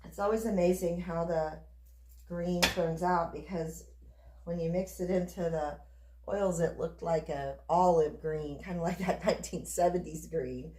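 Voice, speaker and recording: A woman with a fairly low voice talks casually through a hands-on craft demonstration. Her delivery is unhurried and chatty, partly as if murmuring to herself. The room adds a clear echo around her words. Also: steady tone, warm tone, a little hiss or hum. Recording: echoey room.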